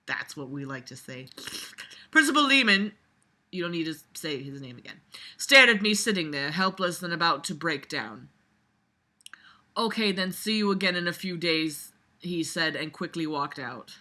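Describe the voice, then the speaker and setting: Here a host reads from a book and tears into it with casual, sarcastic remarks and mocking read-aloud passages. Her voice sits on the low side and is animated, bright and forceful at a normal speed, and she's blunt, exasperated and free with swearing.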